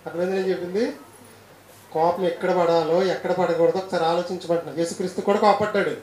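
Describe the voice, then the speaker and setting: A man's voice: high voice, steady tone, fast talker, darkish tone. Man teaching a Bible lesson, echoey. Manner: repetitive, asks questions of listeners. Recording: roomy echo.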